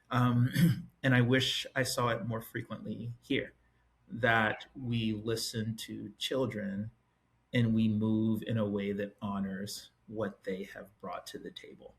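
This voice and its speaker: A middle-aged man from Liberia, an educator and author, speaking as a podcast guest in a thoughtful, measured way with frequent ums. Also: lowish voice. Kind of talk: reflective interview talk.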